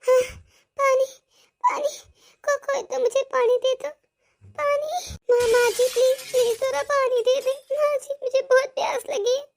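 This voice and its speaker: A woman's voice: very high voice, level tone, moderate pace, hardly any pauses, darkish tone. Woman voicing a timid, stammering young bride. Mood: pleading. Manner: stammering, tearful pleading. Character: young abused daughter-in-law, timid and pleading. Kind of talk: cartoon voice acting.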